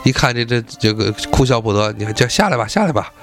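A man's voice: medium pitch, animated, quick pace, faint music behind, lightly acted. A man voicing a persuasive young male scholar who coaxes and reasons in a chatty way. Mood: coaxing.

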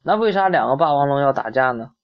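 A woman reads a picture book aloud to a child in a patient, conversational way, often stopping to ask questions. Her voice is low-pitched. The home recording sounds dull and lo-fi. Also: animated, fast. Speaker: parent reading to a child.

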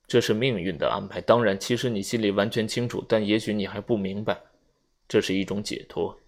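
A calm, resigned old general speaks slowly and politely in a low, gravelly voice, as a male audiobook reader puts him on. He is grave and courteous, with no hurry in him. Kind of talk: audiobook reading.

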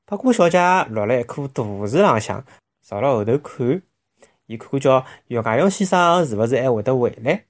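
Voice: medium pitch, animated, a little fast. A storyteller with a Shanghainese accent narrating a children's story expressively, with vivid sound words.

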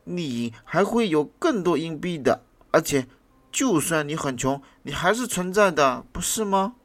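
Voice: mid-range voice, lively intonation, measured pace, no echo, pitched above the performer's own voice, natural voice. A reader voicing a child's teddy bear in a storybook, eager, coaxing and comforting, over backing music. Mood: reassuring. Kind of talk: storybook reading. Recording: music playing behind the reading.

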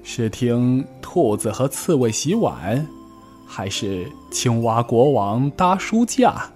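A man voicing a gentle, cheerful, lonely old grandmother bear in a storybook reading. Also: medium pitch, very animated, takes it slowly, faint music behind.

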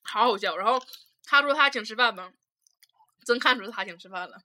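Young woman from the northeast of china with that accent, rattling off a story super fast, swears a lot, laughs a lot, bright sharp voice. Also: fairly high pitch. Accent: Northeastern Mandarin. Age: young adult. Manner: blunt, profane, laughs often while telling. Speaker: podcast host. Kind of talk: casual storytelling chat.

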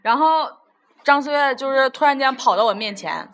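Lively, bright-voiced young woman storyteller. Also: sits high, moderate pace. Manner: animated storyteller, laughs often. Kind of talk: casual group chat.

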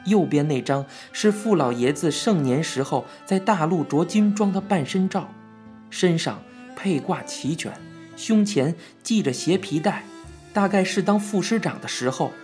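A man reading a novel aloud as an audiobook narrator, in a measured, even storytelling manner. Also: a little high, soft background music. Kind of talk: scripted narration.

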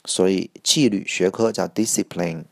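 A man teaching English vocabulary for an exam, repeating each word slowly and explaining it in Chinese. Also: low-pitched, steady tone, creaky, slight background noise. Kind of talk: IELTS vocabulary lesson.

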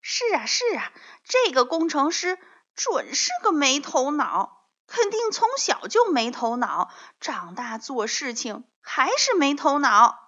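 A woman's voice: high-pitched, sing-song, takes it slowly, bright, forceful tone, pitched above the performer's own voice, exaggerated voice. A woman voicing weary children in a storybook, complaining emphatically and chiming in. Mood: grumbling. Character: weary grumbling children climbing endless stairs. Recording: slightly dull, lo-fi audio.

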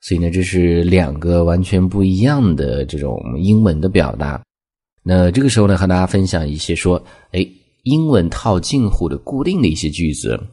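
A man teaching English phrases in a lesson, explaining step by step and slowing down to model each phrase. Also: deep voice, lively intonation, dark tone, breathy edge.

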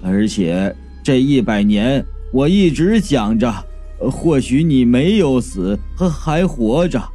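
A man voicing the ghost of a devoted older brother, who talks slowly and earnestly and hesitates often. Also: mid-range voice, big pitch swings, mellow, soft background music, pitched below the performer's own voice. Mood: earnest, pleading. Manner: slow, earnest, hesitant with many "uh"s.

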